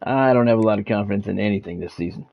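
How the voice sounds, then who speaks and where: Rapid-fire and gravelly, this man pitches on the low side. He's an American streamer doing sports commentary and easy chatter, wry, informal, and quick to poke fun at himself, all heard through a dull lo-fi mic.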